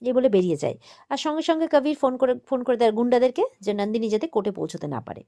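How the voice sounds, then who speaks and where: Woman retelling a tv serial episode, slightly high voice, quotes everyone's lines. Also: animated, dark tone. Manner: retells quickly, quoting each character's lines with light emphasis. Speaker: serial recap narrator.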